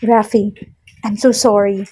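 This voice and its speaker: A woman's voice: medium pitch, little pitch movement, takes it slowly, mellow, husky. A woman voicing a guilt-ridden young woman who keeps apologizing through tears, in a read-aloud love story. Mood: tearful. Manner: apologetic, tearful.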